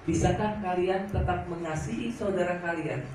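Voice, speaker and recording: Animated preacher in an echoey hall. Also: male voice, high-pitched, normal speed, recorded from a distance, a little hiss or hum. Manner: animated, asks the audience questions. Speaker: evangelist preaching to students. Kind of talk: youth sermon.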